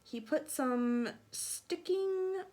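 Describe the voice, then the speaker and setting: Reading a picture book to young children extremely slowly, a high-voiced woman performs it expressively. She stresses sound effects and breaks in with asides and questions to her listeners.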